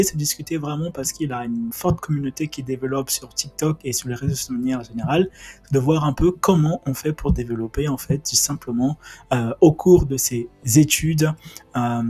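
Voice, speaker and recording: A man's voice: medium pitch, warm tone, breathy edge. A man hosting a podcast interview, asking loose, rambling questions. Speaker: podcast host.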